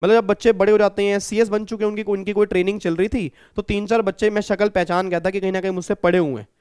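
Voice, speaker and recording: A man's voice: sits high, steady tone, fast, a little mellow, clear, resonant tone, no room sound, studio quality. A male teacher giving a recorded exam-prep lecture, chatty and repetitive, often checking in with his students. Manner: chatty, repeats himself, keeps checking with students.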